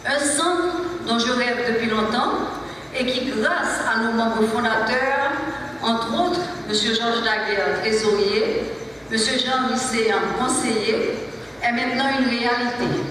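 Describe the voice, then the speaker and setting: A woman in her sixties, founder of a center, reading a formal opening speech at a lectern in a measured, formal way. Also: fairly high pitch, noisy background. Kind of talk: formal speech read aloud. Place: large hall stage at a lectern. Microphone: lectern mic on stand. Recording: echoey hall from far off.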